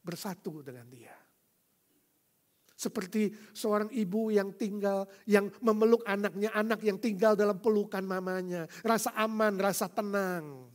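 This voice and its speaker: A man preaching a sermon, swinging between loud proclamations and soft, quiet passages, addressing listeners as brothers and sisters and asking them direct questions. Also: high-pitched, steady tone, unhurried. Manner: calls the audience "saudara" and asks them direct questions. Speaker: pastor.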